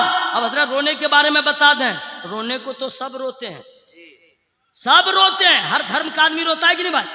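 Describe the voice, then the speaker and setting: A man preaching a sermon, swinging between loud chanted shouting and quiet conversational asides, sometimes singing Arabic verses. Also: very high voice. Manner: chants Quranic Arabic in a sung tone. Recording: echoey hall with long reverb.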